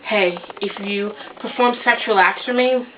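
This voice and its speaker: A crude, corrupt male saint at the gate, put on by a woman. He speaks gruffly in short, curt lines. The recording is muffled and lo-fi with a steady hiss. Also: mid-range voice, measured pace, voice pushed down, lightly acted.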